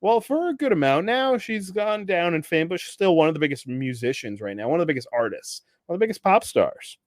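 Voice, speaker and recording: Young male podcast host, chatty and animated, voice on the higher side, dry sound. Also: brisk, no room sound. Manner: animated, acts out characters' lines with jumps in pitch and loudness; laughs often, swears casually. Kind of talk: casual solo podcast recap.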